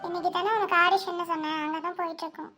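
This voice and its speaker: A woman's voice: very high-pitched, level tone, racing. A woman voicing a worried, protective middle-aged mother in a cartoon, fussy and exclaiming. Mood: reassuring. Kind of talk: cartoon voice acting. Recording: loud background music.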